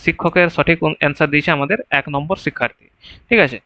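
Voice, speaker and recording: Male exam-prep teacher, brisk and bright, slightly high voice, walks through the options point by point. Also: no echo, lo-fi sound. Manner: explains answer choices step by step, often asks "right?". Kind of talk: online exam-prep lesson.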